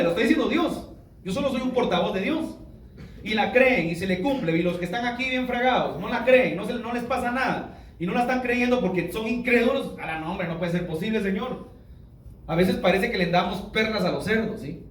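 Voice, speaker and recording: High-voiced preacher man in an echoey hall. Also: slight background noise. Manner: emphatic preaching with rhetorical questions. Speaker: pastor. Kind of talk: sermon and prayer. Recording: echoey room, from far off.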